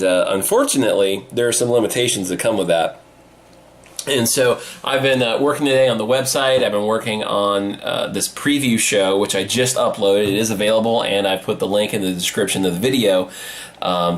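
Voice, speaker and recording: A man speaking as a podcast host in a casual behind-the-scenes vlog, informal and halting, with a self-deprecating manner, recorded in an apartment hallway. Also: on the low side. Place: hallway of an old high-ceilinged apartment.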